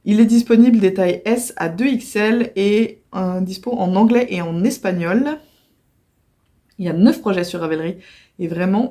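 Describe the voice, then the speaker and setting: A chatty woman talks through a casual home video, stopping often to apologize and correct herself. Her voice is mellow and warm, sitting at a middle pitch. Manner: chatty and apologetic, with many fillers and self-corrections. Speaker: crochet vlogger. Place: at home by a computer.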